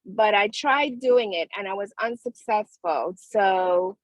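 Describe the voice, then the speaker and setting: A woman calling in by phone from outdoors, testifying at a hearing in a hesitant, halting way as the line crackles and fades in and out. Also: medium pitch, dry recording. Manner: hesitant, halting, many restarts. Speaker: property owner appealing a violation. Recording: dry, muffled phone line.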